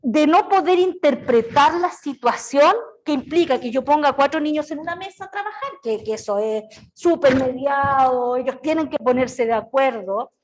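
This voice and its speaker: A woman's voice: high-pitched, moderate pace. A middle-aged woman with a Chilean accent teaching an online class in a chatty way, often checking in with her students. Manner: lively, chatty, asks "¿ya?" and "¿cierto?" often. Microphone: video call.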